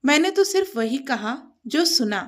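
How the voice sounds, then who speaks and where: A woman's voice: high-pitched, expressive, moderate pace. A woman voicing a scheming young woman who talks sweetly and feigns innocence. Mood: sly.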